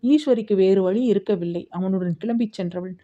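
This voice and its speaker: Female audiobook narrator, warm dark tone, expressive storytelling, muffled sound. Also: medium pitch, a little fast. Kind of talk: scripted novel narration.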